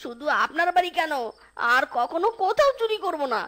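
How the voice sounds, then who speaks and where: A woman voicing a sly, cowardly young male fox thief in a cartoon, whiny and excitable. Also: very high voice, moderate pace, heavily acted. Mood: pleading. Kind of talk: cartoon voice acting. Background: music.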